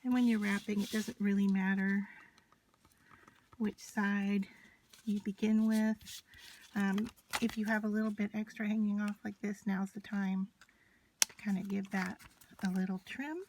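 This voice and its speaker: A woman with a mid-pitched voice presents a casual, unscripted craft tutorial. She explains each step as she works with her hands. Noise is audible behind her, with scratching and clicks from the materials she handles. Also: little pitch movement, measured pace, pauses often, darkish tone, rough recording. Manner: instructional, talking through each step while working with her hands.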